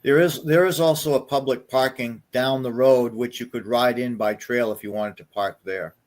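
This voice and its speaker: Man, casual guest, hesitant delivery, mid pitch. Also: fairly even intonation. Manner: halting, many fillers. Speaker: snowmobile club guest. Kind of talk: casual chat.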